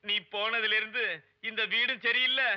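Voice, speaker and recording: A doting old servant, fussy and affectionate, bright-toned, dull faraway audio. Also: male voice, very high voice, level tone, normal speed, exaggerated voice. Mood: fond.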